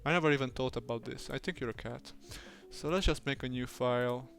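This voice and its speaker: A man livestreaming his design work in a fake British accent, rambling playfully to himself and his software. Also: mid-range voice, a little fast, creaky, faint music behind. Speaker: streamer. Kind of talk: livestream self-talk while doing design work.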